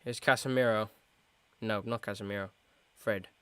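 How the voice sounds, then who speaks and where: A man hosting a live football watchalong, who jumps from shouted play-by-play to low mumbled asides. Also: steady tone, normal speed, clean tone, dry recording. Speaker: host of a football watchalong stream.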